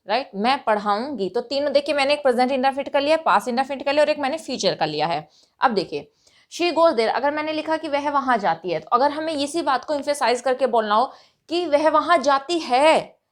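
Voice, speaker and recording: Woman, high voice, grammar teacher, patient explanations, emphatic stressed examples. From India. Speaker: English teacher. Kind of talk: spoken grammar lesson.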